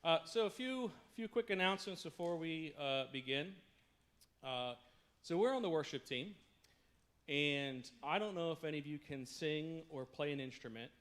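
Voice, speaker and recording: A man's voice: on the high side, a bit bright. A man giving a guest sermon from a church stage, chatty and self-deprecating, often breaking into jokes between "uh"s. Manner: jokey, self-deprecating, many fillers. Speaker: guest speaker. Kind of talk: casual joking sermon talk. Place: church stage before a congregation.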